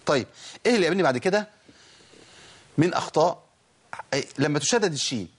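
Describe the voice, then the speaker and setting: A man with an Egyptian accent teaching a tajweed lesson, drawing out example sounds and explaining briskly in conversational speech. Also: a little high, lively intonation, breathy edge. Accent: Egyptian Arabic. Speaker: Quran recitation teacher.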